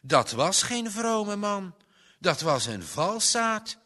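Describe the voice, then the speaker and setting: A man voicing a small, earnest boy in a children's story, with a high childlike voice that speaks emphatically. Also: big pitch swings, takes it slowly, bright, forceful tone, long reverb tail, heavily acted. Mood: indignant.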